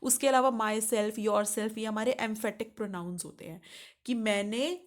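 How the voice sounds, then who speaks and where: A woman's voice: a little high, a little slow. A young Indian woman teaching grammar, explaining step by step and answering her own questions. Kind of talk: grammar lesson mixing Hindi and English.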